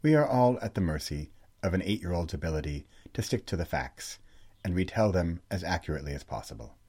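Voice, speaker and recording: Formal male storybook narrator, low and raspy-toned, measured. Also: big pitch swings, warm tone. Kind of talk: scripted narration.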